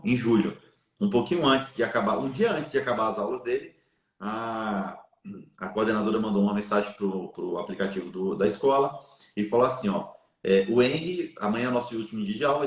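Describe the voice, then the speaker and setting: A man recounts a personal story at length and turns it into a lesson about faith and giving. He speaks earnestly, with a preachy storyteller's cadence, in a mid-range voice. The sound carries a noticeable room echo. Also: medium pitch. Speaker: live stream guest. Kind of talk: storytelling in a live chat.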